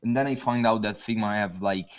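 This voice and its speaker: Italian guy, kinda low voice, lots of "like" fillers, casual panel chat. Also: clean tone. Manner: halting, full of "like" fillers. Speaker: guest designer. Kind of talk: casual panel chat over a video call.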